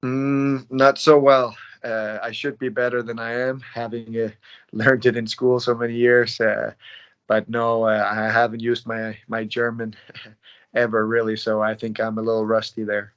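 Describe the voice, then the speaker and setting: A Danish professional ice hockey player in his late twenties answers interview questions in a casual, laid-back way, never getting loud. His voice is medium-pitched, clear and resonant, with little pitch movement and a moderate pace, though the audio is dull.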